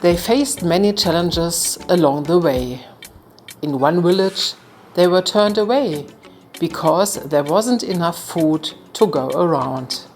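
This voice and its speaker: A woman narrating a folktale in a calm, measured storytelling manner. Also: lowish voice, faint music behind.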